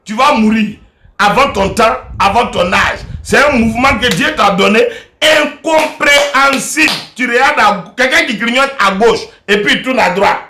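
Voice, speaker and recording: A bishop preaching in a high, bright, ringing voice. He is animated and comic, bursting into shouts as he acts out scenes, then slowing into drawn-out, repeated blessings. The room gives his voice a strong echo. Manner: slow, emphatic litany-style blessings. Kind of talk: sermon.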